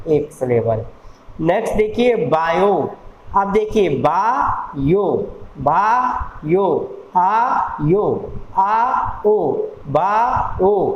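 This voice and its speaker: A teacher explains syllables at an unhurried, careful pace, drawing out each vowel sound and checking understanding with questions. The voice sits in the middle range and carries a roomy echo. A faint hiss runs under it. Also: mid-range voice, darkish tone. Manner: slow, deliberate, repeats sounds aloud and asks rhetorical questions. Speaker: law college English teacher. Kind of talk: bilingual classroom lecture.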